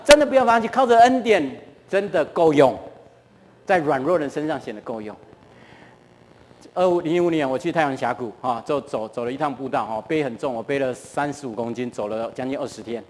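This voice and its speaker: A middle-aged man with a Taiwanese Mandarin accent, giving a lively storytelling talk at a church and often asking the audience questions. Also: medium pitch, a little fast. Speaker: guest lecturer at a church. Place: church hall. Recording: reverberant church hall.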